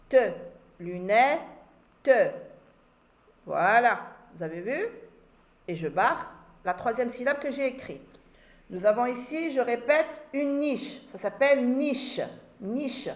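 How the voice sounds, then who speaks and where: A woman teacher giving a reading lesson to children, sounding out words syllable by syllable and repeating them patiently. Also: mid-range voice. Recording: echoey room.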